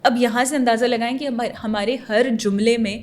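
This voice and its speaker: A woman from Pakistan, a writer guest on a podcast, talking animatedly and mixing English words into her speech. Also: a little high. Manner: animated, mixes English into speech, often checks agreement. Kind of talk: casual chat.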